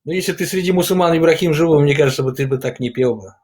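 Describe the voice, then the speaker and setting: Male live-stream host, slightly high husky voice, insistent and argumentative. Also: rapid-fire, a little mellow. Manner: insistent, argumentative, repeats himself. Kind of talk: informal live debate.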